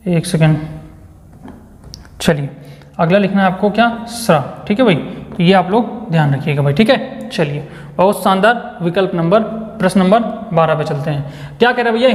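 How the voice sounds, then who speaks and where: A man teaching an online Hindi exam-prep class, repeating each question and answer to his students with upbeat cheering. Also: high-pitched. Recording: echoey room with long reverb.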